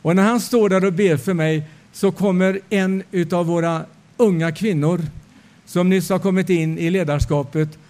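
A man's voice: high voice, fairly even intonation, a little mellow. A male preacher giving a sermon testimony, telling the story and acting out the dialogue.

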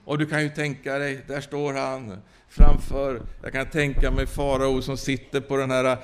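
A man preaching a sermon and giving his own testimony. He speaks haltingly, with many fillers and restarts, and breaks out in hallelujahs. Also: medium pitch, flat delivery, a little hiss or hum.

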